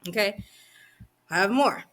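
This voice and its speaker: Agitated, swearing young woman with a bright voice. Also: medium pitch. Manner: heated and profane, rapid run-on talk with restarts. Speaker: vlogger. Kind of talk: angry venting monologue.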